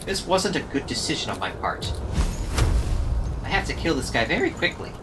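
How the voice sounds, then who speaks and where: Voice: medium pitch, big pitch swings, moderate pace. A streamer giving wry, self-mocking running commentary while playing a game live. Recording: game music playing underneath. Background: game music and sound effects.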